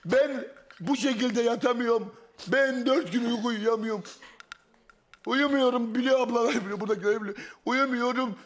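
A man's voice: extremely high pitch, moderate pace, slight background noise. A distraught man, a grieving father, confronting someone with repetitive, pleading accusations. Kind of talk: emotional confrontation.

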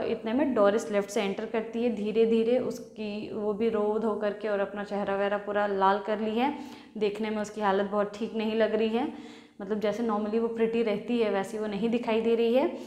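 A woman's voice: medium pitch, flat delivery, normal speed, darkish tone. A woman teacher explaining a play to students, telling the story and mixing Hindi with English. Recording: echoey room with long reverb.

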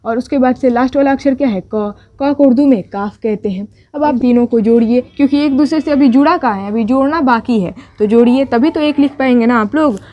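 A woman's voice: high-pitched, fairly quick, few pauses, lo-fi sound. A young woman, teaching an online language lesson, patiently repeating each step and asking rhetorical questions. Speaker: Urdu teacher.

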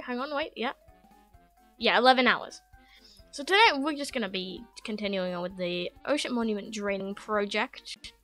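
Brief: chatty woman streamer, fairly high voice, headset livestream audio, soft music behind. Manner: playful, chatty, addresses chat directly. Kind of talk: casual livestream chat. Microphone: livestream headset mic.

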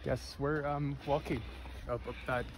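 A man's voice: mid-range voice, steady tone, unhurried, low-quality recording. A man chatting in a dry, sarcastic way on a handheld phone video. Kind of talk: casual vlog chat. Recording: phone video with loud outdoor noise.

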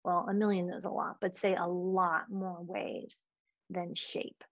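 A woman with a somewhat low voice talks slowly as a podcast guest, telling stories about teaching. Her manner is thoughtful and she laughs easily. The recording is dry and a little dull. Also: level tone, dry recording. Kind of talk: casual interview chat.

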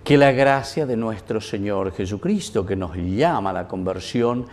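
Middle-aged priest reciting Mass prayers. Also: male voice, fairly low pitch, unhurried, darkish tone, a little hiss or hum. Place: chapel altar.

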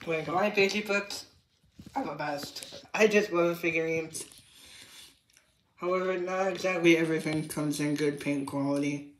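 A toy reviewer with a low, steady voice chats casually and without a script about toys, halting, repeating herself and trailing off. She's in an indoor room with a hard tiled floor, and the recording is echoey with background noise and clicks.

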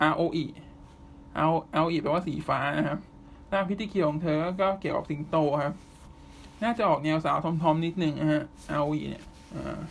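A man with a slightly raised voice hosts an anime podcast in a relaxed solo chat. He rambles along and often stalls on long fillers while he gathers his thoughts. A faint hiss sits under the voice. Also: a little high. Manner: chatty, pauses often with drawn-out fillers. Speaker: podcast host.

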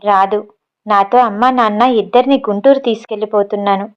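A woman's voice: medium pitch, steady tone, a little fast, muffled recording, lightly acted. A woman voicing a proud, educated young woman who works as a cook and answers back bluntly. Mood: defiant. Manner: cutting, matter-of-fact retorts.

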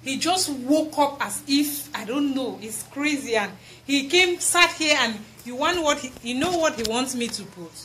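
A woman's voice: high-pitched, expressive, moderate pace, few pauses, sharp tone. A woman in her thirties with a Cameroonian accent, chatting casually and expressively to camera as a home vlogger. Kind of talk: casual chat to camera while doing housework. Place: tiled home kitchen, indoors. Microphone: camera or phone at arm's length and further. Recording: echoey tiled room with clear noise.

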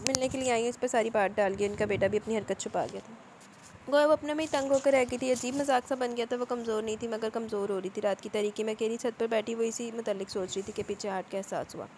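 एक औरत नाटकीय अंदाज़ में उपन्यास की कहानी सुना रही है।. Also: female voice, a little high, darkish tone, a little hiss or hum. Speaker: novel narrator. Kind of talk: scripted narration of a novel.

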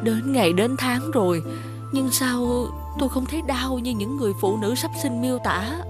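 Woman as worried middle-aged wife, high voice, anxious, light music behind. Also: normal speed, natural voice. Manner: anxious, pleading. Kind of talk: 3D cartoon dubbing.

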